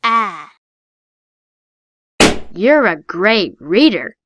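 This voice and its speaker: A woman's voice: on the high side, big pitch swings, extremely slow, noisy background. A woman voicing the prompts of a children's phonics app, giving cheerful praise and sounding out letters and words with care. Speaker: app narrator.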